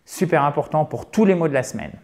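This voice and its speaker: A French man teaching English pronunciation on camera in a lively, emphatic way, drilling words by repeating them. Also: on the high side, fast talker. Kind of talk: video lesson. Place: indoor filming set with a spotlight. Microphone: camera mic, moves around in frame.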